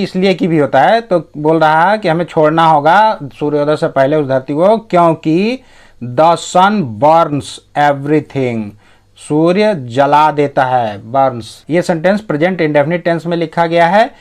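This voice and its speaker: A man teaching English through a short story. He reads each English sentence slowly, then translates and explains its grammar at length. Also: on the high side, darkish tone. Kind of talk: bilingual lesson reading a story.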